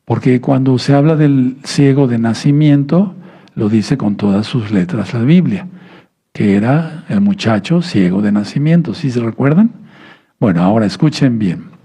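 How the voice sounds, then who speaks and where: A man preaches a sermon in a patient teaching tone. His voice is gravelly and a little husky, with a warm, dark colour. He stumbles over and restarts words and keeps asking his listeners whether they follow. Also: mid-range voice, animated, normal speed. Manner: teaching tone, many restarts and stammered words, asks the audience "¿sí?".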